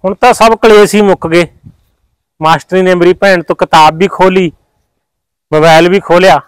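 A man acts out a farmer husband with a Malwai Punjabi accent, reproaching his wife. His voice sits high and the sound is dry and close. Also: fairly even intonation, moderate pace, smooth, no room sound, lightly acted, poor audio. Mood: reproachful. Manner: pleading, reproachful. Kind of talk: village comedy drama acting.

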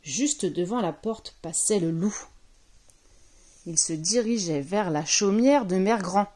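Slow, expressive woman storyteller. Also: mid-range voice. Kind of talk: reading a children's story aloud. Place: at home on an old sofa.

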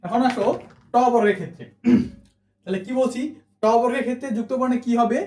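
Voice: mid-range voice, quick pace, a little mellow, reverberant. A teacher giving an exam-prep spelling lesson, repeating each rule and asking questions back to the students, with English words mixed in. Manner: repeats rules and asks rhetorical questions; mixes English words into the talk.

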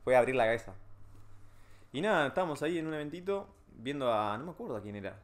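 A man's voice: medium pitch, expressive, fast talker. A man with an Argentine accent, a podcast guest chatting casually and rambling along with slangy fillers. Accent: Argentine Spanish. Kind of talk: casual chat.

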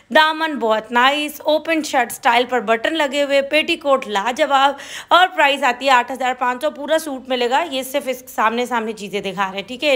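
Bright high-voiced Urdu-accented woman. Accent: Karachi Urdu. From Pakistan. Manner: chatty, enthusiastic, listing prices. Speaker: shopping vlogger. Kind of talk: voice-over shopping tour.

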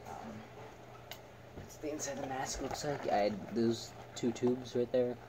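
A young man giving a casual, halting, unscripted product review in short fragments. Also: medium pitch. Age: teens to young adult. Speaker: video reviewer. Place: small attic room indoors. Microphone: camera a few metres away. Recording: distant camera mic, noisy room.

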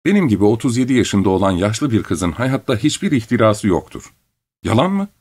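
A man voicing a calm, sober 37-year-old unmarried woman in an audiobook, talking in a steady, reasoning way. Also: on the low side, fairly quick, breathy edge. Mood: calm, dismissive. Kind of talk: audiobook character reading.

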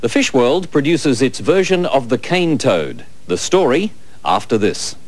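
A man's voice: mid-range voice, big pitch swings, unhurried, faint music behind. A man with an Australian accent presenting scripted documentary narration for television.

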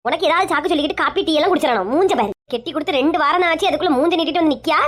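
A middle-aged woman with a Kanyakumari Tamil accent plays a nagging, sharp-tongued mother in a comic family skit. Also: high-pitched, racing, natural voice. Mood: scolding.

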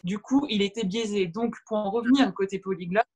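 Her voice is medium-pitched, warm and slightly rough, and she talks a little fast. She's a thirtysomething guest on a video-call interview whose first language is Arabic, thinking aloud with lots of fillers and restarts while gesturing, recorded on a webcam in a home room lined with shelves.

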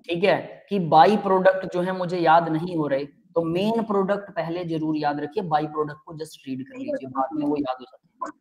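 Male chemistry teacher, live online lecture, step-by-step explaining, checks in with students often. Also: high-pitched. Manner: explains step by step, keeps asking students if it is clear; addresses students as beta and bhai.

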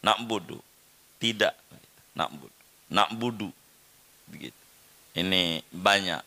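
A man's voice: sits low, slow, gravelly, bright, forceful tone. A middle-aged man teaching a religious study lecture, repeating words and drilling Arabic pronunciation for his listeners. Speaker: Islamic teacher.

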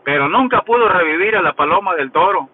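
A man's voice: high voice, lively intonation, brisk, breathy edge. A man with a Mexican accent, vlogging in a crude, mocking, joking way as he tells gossip. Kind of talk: casual gossip monologue. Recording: tinny phone-like sound with faint noise.

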